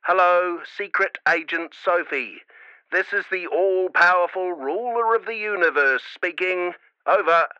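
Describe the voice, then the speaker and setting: A man's voice: sits high, a little slow, sharp tone, clear, resonant tone, dry recording, dull audio, voice pushed up. A man voicing a teasing mother talking over a scratchy walkie-talkie.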